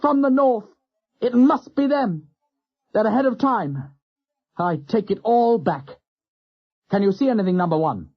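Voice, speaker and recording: A man voicing an exhausted male naval commander who shouts with emotion. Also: sits high, big pitch swings, measured pace, pauses often, breathy edge, pitched above the performer's own voice, full character voice. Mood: exultant shouting. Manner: shouting, exultant then anxious. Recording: dull lo-fi audio.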